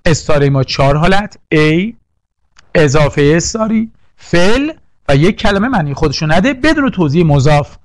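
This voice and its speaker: A man's voice: on the high side, expressive, no room sound. A man teaching a poetry lesson for exam prep, drilling lists and quizzing the class with questions. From Iran. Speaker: literature teacher.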